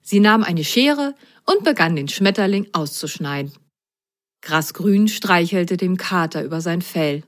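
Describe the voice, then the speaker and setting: A woman narrating a children's story in a gentle, clearly spoken way. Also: fairly low pitch, expressive, unhurried.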